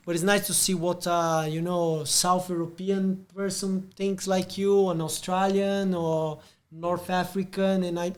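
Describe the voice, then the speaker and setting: A Brazilian man with a Portuguese accent, hosting a casual interview and rambling through his questions with restarts. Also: high voice. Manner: rambling, frequent restarts and fillers. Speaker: podcast host.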